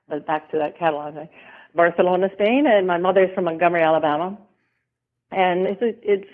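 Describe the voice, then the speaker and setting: A middle-aged woman, a former model, chatting as an interview guest, rambling and laughing often. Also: fairly low pitch. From American South. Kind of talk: casual interview talk. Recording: tinny phone-line sound.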